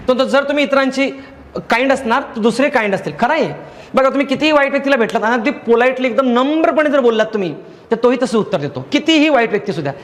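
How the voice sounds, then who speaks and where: A man giving a grammar lecture, who explains patiently and repeats each point. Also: very high voice. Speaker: English grammar teacher. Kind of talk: classroom lecture.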